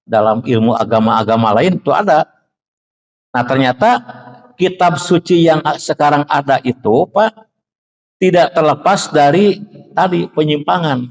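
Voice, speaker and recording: A man with a Sundanese accent giving a conversational religious lecture in a mosque, often addressing the listeners directly and reciting verses slowly. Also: fairly high pitch, in a large hall. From Indonesia. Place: mosque hall.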